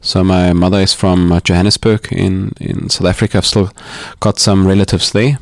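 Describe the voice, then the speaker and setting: A man from Austria talks through his life story as a podcast guest in a living room. His voice sits fairly low, and he pauses often with ums and restarts as he thinks aloud. The sound is close and dry. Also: little pitch movement, no echo. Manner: hesitant, reflective, with many ums and restarts. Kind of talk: casual interview talk.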